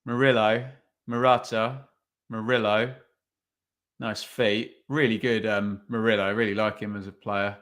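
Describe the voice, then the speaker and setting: A man's voice: on the low side, little pitch movement, unhurried, a bit bright. A man hosting a podcast, giving casual live watch-along commentary on a football match, chatty and thinking aloud with tag questions. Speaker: podcast host.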